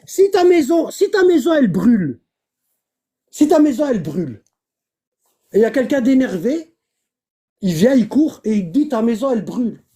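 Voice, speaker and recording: A man's voice: extremely high pitch, very animated, moderate pace, pauses often, dark tone, slightly rough. A man hosting a live online debate, arguing and repeating himself. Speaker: live stream host.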